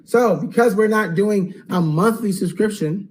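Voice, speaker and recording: A man hosting a live webinar Q&A, upbeat and salesy, checking in with "okay?" and going hoarse. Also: sits high, unhurried, slight background noise, poor audio. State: losing his voice. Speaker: online course host.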